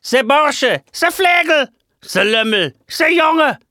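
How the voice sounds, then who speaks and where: A man voicing a furious old schoolteacher screaming insults in a shrill voice, in a storybook reading. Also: sing-song, slow, sharp tone, dry recording, studio quality, exaggerated voice. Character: two identical furious old male schoolteachers shouting.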